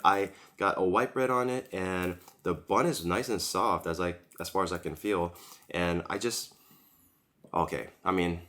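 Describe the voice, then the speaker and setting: Eating a sandwich as he reviews it, a man with a low, somewhat bright voice chats casually while getting over a cold. He's a food vlogger giving leisurely, rambling tasting remarks, captured at home with a camera-mounted shotgun mic.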